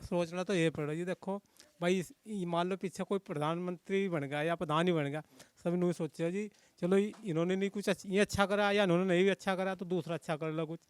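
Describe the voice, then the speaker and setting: Smooth high-voiced rambling villager, man. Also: fairly even intonation, fast talker. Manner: rambling, explaining. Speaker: villager interviewed. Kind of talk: street interview answers.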